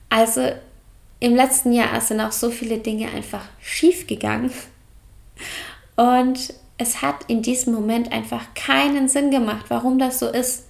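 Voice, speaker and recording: A young woman hosts a yoga and mental health podcast in a calm, personal way. Her voice sits a little high and carries a gravelly fry. She talks directly to the listener. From Germany. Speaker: podcast host, yoga coach. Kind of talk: reflective solo podcast talk.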